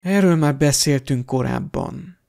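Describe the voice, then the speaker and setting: A man's voice: medium pitch, sing-song, creaky, darkish tone. Harry, a man doing a tired, grudging teen wizard. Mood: weary, grudging. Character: weary, reluctant teenage boy wizard.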